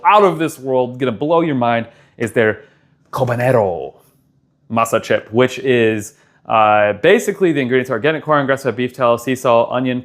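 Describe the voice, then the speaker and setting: Male vlogger, mid-pitched voice, casual and enthusiastic product reviewer with emphatic delivery.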